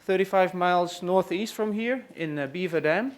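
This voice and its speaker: A man from the Netherlands with a Dutch accent presents a farm tour session in a room at a trade expo, introducing his guests to the audience. His voice is higher than most men's, and he speaks hesitantly, pausing often and leaning on fillers like "uh" and "let's say."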